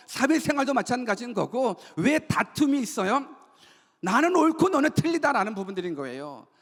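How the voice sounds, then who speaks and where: A male pastor preaches in a very high voice, asking his congregation question after question and having them repeat lines back. His voice rings with the long reverb of a church sanctuary. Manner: asks the congregation many rhetorical questions; leads call-and-response repetition. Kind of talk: sermon.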